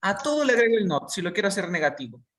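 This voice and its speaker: An English teacher, giving a basic lesson and slowly drilling each word with students. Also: medium pitch, sing-song, a bit bright, far from the mic. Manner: slow and patient, repeats each word for students.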